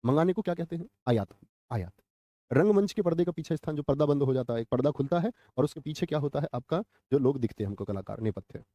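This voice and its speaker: A man's voice: fairly high pitch, lively intonation, quick pace, mellow, dry recording. A young man teaching exam vocabulary in a live online class, quizzing viewers and repeating each answer.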